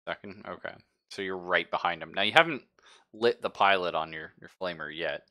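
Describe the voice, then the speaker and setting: A man serving as game master for a tabletop roleplaying game narrates in a deep, bright voice. He's animated and brisk, keeping things casual and conversational with jokes and swearing thrown in.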